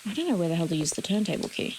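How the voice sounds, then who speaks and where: A woman's voice: lowish voice, big pitch swings, rapid-fire, a little mellow, slight background noise, poor audio. A woman streaming a video game, giving casual, sweary commentary and chatting informally to viewers. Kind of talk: casual live gameplay commentary. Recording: game music behind the voice. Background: game music.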